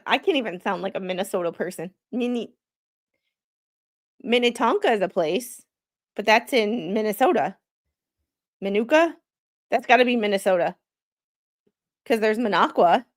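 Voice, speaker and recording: With a mid-range voice and lively intonation, a woman livestreams as a non-lawyer commentator. She reads legal filings aloud in a halting way, then chats about them with informal, self-deprecating humor.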